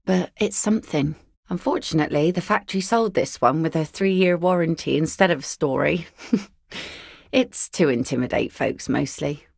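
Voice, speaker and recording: An actress delivers game voice lines as a tough, weathered fisherwoman who picks nets, speaking bluntly in a dry, sardonic tone. Her lowish voice is creaky, with no room sound.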